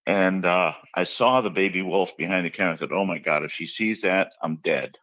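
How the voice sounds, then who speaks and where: A man's voice: deep voice, normal speed, fairly bright tone, no echo, muffled recording. A man being interviewed about his book, telling chatty anecdotes and acting out the quotes. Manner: chatty anecdotal storyteller who acts out quotes. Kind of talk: casual interview storytelling.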